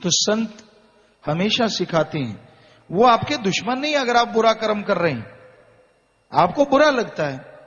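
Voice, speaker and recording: A man delivers a sermon in a high voice, building his warnings through slow, repeated phrases. The sound is muffled and carries a long hall reverb. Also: very animated, a bit bright. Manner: slow, repetitive exhortation. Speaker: spiritual preacher. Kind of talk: Hindi sermon.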